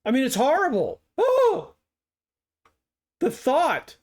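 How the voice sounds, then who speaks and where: A middle-aged man hosts a reaction video with a notably high voice. He fires back at clips in a sarcastic, heated tone, mocking as he argues. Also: huge pitch swings, slow. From United States. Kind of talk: reaction commentary.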